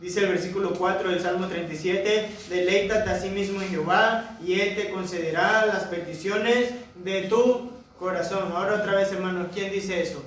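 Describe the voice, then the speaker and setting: A man's voice: high voice, steady tone, moderate pace, few pauses, fairly bright tone, slight background noise. A man preaching a sermon to a congregation, asking them rhetorical questions. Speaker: pastor. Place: church hall. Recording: echoey church hall from far off.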